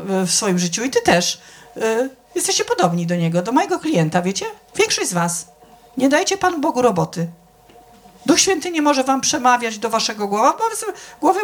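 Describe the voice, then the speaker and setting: A middle-aged woman giving an informal sermon, chatty and conversational, often asking the audience if they follow and acting out the people she quotes. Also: on the high side. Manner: conversational, keeps checking with the audience; acts out quoted people with shifts in voice. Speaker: church speaker.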